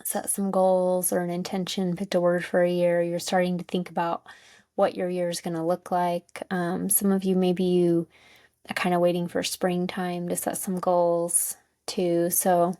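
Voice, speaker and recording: A woman giving a casual guided self-help talk as a coach, informal and tentative as she searches for words, with a creaky voice. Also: fairly low pitch, completely flat delivery, a little slow, dark tone, dry recording, studio quality. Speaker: wellness coach and host.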